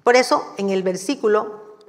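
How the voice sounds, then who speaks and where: A woman giving a sermon in a church, telling the story in a lively, conversational way. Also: mid-range voice, moderate pace. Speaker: church speaker. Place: church hall. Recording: long hall reverb.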